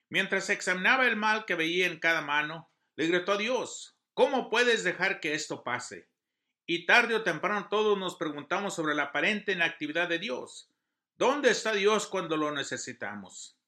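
A man's voice: high-pitched, lively intonation, moderate pace, pushed and bright. A man giving an earnest devotional sermon, reading scripture and news with emphasis. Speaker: preacher.

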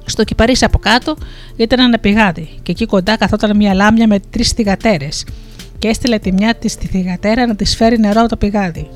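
Steady folktale narrator over soft music. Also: mid-range voice. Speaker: storyteller. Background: faint music.

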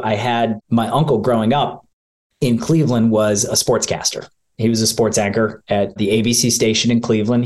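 A man in his forties from Ohio, a sportscaster telling stories in a casual interview, chatty with easy laughs. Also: lowish voice. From Ohio, USA. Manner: chatty, warm storytelling with laughs. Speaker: sportscaster guest.

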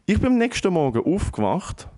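A young man with a Swiss German accent, animated and swearing often, telling a story in a casual chat with English slang mixed in. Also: high voice, brisk.

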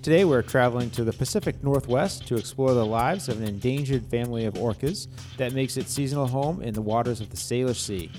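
A man with a New England accent hosting a travel podcast, introducing a guest and then asking questions with a few filler pauses. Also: medium pitch, a little mellow, soft background music. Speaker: podcast host.

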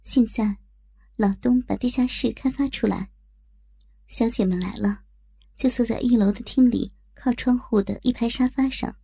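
A woman narrating an audiobook in the first person, telling the story in a lively way and voicing the dialogue herself. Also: on the high side, normal speed, gravelly, breathy edge.

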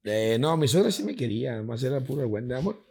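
This Mexican Spanish-accented man's medium-pitched voice is gravelly and husky as he rattles off a personal anecdote at a fast pace. Casual and animated, he swears freely and mimics the voices of the people in the story.

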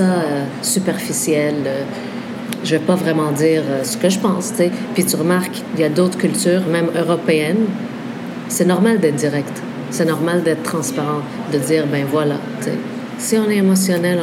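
A woman's voice: deep voice, normal speed, very noisy. A woman with a Quebec French accent, a guest in a casual interview, talking thoughtfully with many fillers in a café. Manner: thoughtful, lively, frequent fillers. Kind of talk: casual conversation.

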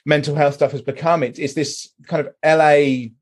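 Emphatic husky British man. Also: on the high side, moderate pace. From Britain. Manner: animated, emphatic ranting with swearing. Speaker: podcast host, mental health charity chair. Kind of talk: casual discussion.

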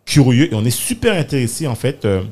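A man's voice: mid-range voice, very animated, brisk, darkish tone. Eager male podcast host. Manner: eager, leans on filler words. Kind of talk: casual interview chat.

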